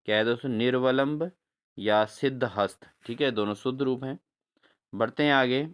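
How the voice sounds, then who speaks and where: Guy teaching spelling for exams, clean smooth voice, keeps asking "what is it, friends?" and spelling stuff out bit by bit. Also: medium pitch. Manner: repeats answers as questions to viewers, addresses them as friends; spells words out slowly syllable by syllable. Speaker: exam-prep teacher. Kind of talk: spelling lesson for exam prep.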